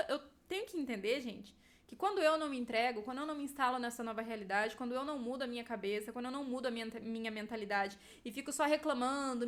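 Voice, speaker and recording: A woman's voice: high voice, fairly bright tone. A woman in her thirties with a Brazilian Portuguese accent, talking emphatically at home about motherhood and asking rhetorical questions. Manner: emphatic, asks rhetorical questions, often adds "entende?". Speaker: mother giving parenting advice. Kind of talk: casual talk to camera.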